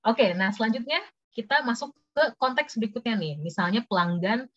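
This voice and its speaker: A young woman giving a casual online lesson. She speaks in a chatty way and pronounces the example phrases slowly and clearly. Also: a little high, highs cut off. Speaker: webinar speaker teaching workplace English.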